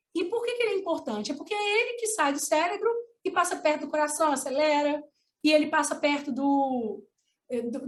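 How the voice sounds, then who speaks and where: Brazilian woman lecturing online, high voice, animated explaining. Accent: Brazilian Portuguese.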